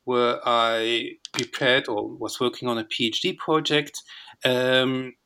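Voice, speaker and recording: A man from northeast Belgium, a historian giving a steady, explanatory account in an interview, with some fillers. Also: mid-range voice, slow pace, clean tone. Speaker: intellectual historian, interview guest. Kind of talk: casual interview answers.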